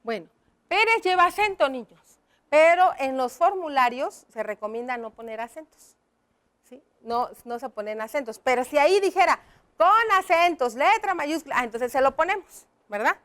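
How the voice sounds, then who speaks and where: A woman, teaching children slowly and step by step, often checking in with them. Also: high-pitched, lively intonation, a bit bright. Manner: slow, explaining step by step, addressing children. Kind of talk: classroom lesson.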